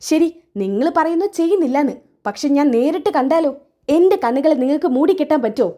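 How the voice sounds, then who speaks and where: A wounded young wife speaks with bitter defiance, voiced by a woman narrator. Her voice sits high and bright. It is barely set apart from the reader's own voice. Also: expressive, fast. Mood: hurt, bitter. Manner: sobbing, bitter, defiant complaints. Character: young wife, hurt and angry.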